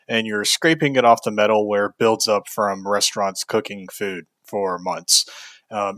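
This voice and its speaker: A man's voice: on the low side, a bit bright, no room sound. A young man from Kentucky telling a frank, casual story about a bad job, venting with fillers and the odd curse. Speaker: video host.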